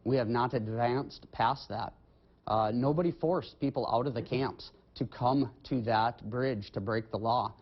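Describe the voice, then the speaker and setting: A man, a highway patrol lieutenant, answering questions in a measured, official way in a TV interview. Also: breathy edge, dull audio. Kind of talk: remote TV interview.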